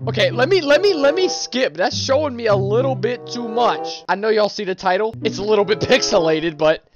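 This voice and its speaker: A man doing casual, slangy gaming commentary as a loud, excitable frat bro, whooping and exclaiming, his voice strained from yelling. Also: high-pitched, a little fast, highs cut off. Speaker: let's play streamer. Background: game music and sound.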